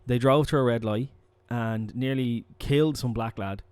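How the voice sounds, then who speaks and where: A young man with a Dublin Irish accent, a podcast co-host who rambles through animated stories, restarting sentences and swearing freely. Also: medium pitch, normal speed, smooth. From Ireland. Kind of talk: casual chat.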